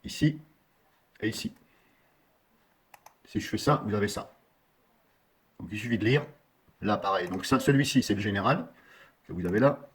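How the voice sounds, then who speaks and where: A man giving a casual software tutorial, rambling and often correcting himself with many fillers. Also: fairly low pitch, normal speed, long pauses, breathy edge.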